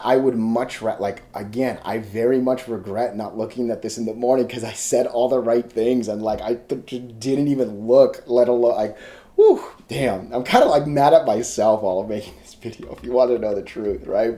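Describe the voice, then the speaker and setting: A man's voice: medium pitch, normal speed, dark tone. A man casually talking through stock charts, rambling and restarting his sentences, with loose slang. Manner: rambling, self-interrupting, salty slang. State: hiccups. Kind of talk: casual screen-share chart commentary.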